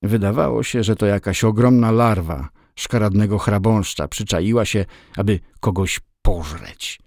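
A man giving a steady, measured scripted audiobook narration. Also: fairly low pitch, no room sound, clean studio sound.

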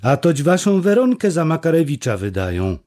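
A man voicing a proud, sharp-tongued young village woman who mocks and scolds in a raised voice. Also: on the high side, very animated, moderate pace, voice pushed up. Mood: mocking. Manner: mocking, scolding.

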